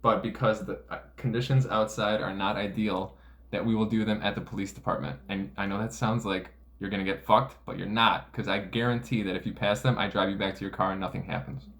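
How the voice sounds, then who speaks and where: A man's voice: fairly low pitch, fairly even intonation, fairly quick, a bit bright. A man speaking as a veteran police officer, giving casual explanatory commentary in a blunt, profane way. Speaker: police officer breaking down a DUI arrest video. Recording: roomy echo, faint background noise.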